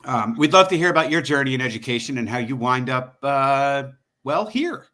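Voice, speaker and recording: A man's voice: mid-range voice, expressive, normal speed, sharp tone. A middle-aged man hosting a podcast, chatting in a jokey, rambling way. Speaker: podcast host. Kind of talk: casual podcast chat.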